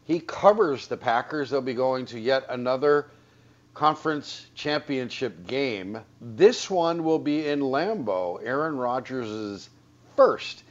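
A man's voice: mid-range voice, expressive, slow pace, highs cut off. An American man hosting a sports talk radio show.

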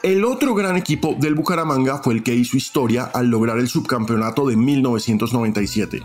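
A man's voice: mid-range voice, a little fast. A man with a Colombian accent hosting a podcast, reading scripted football history in a storytelling way. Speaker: podcast host. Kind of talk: scripted sports-history narration. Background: music.

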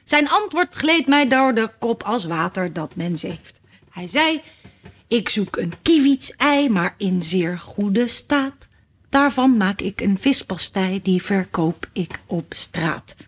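A woman's voice: mid-range voice, animated, slow. Woman doing a dreamy ballad-singing knight. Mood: sing-song. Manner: lilting, half sung recitation.

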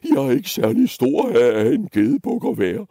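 A man's voice: medium pitch, huge pitch swings, gravelly, dark tone, no room sound, studio quality, voice pushed up, exaggerated voice. A man voicing a middle-sized billy goat who tries to sound firm but is nervous.

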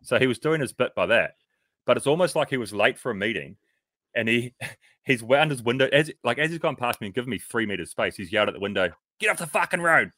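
A man's voice: medium pitch, fast talker, dry recording, clean studio sound. A man with a New Zealand accent, co-hosting a podcast and telling stories in casual, swear-heavy chat. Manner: animated storyteller, swears freely. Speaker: podcast co-host.

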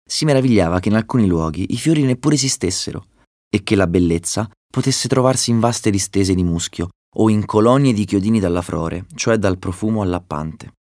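A man narrating a storybook chapter in a calm, measured reading. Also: lowish voice, no echo, clean studio sound. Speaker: audiobook narrator.

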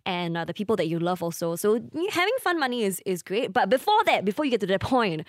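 A woman's voice: medium pitch, very animated, fast talker, no echo, studio quality. A woman with a Singaporean accent chatting casually as a radio DJ and co-host, candid and emphatic. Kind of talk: casual co-hosted chat.

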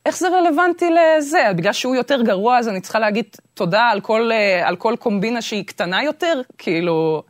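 A woman's voice: mid-range voice, few pauses, no echo. Israeli-accented woman in a dry recording. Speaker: interview guest. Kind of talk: casual, opinionated podcast conversation.

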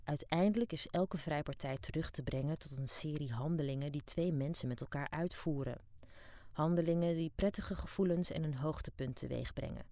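A woman's voice: sits low, mellow, no echo, clean studio sound. A middle-aged woman from Amsterdam narrating her own diary as an audiobook, frank, wry and down-to-earth. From Amsterdam, Netherlands. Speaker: narrator and author.

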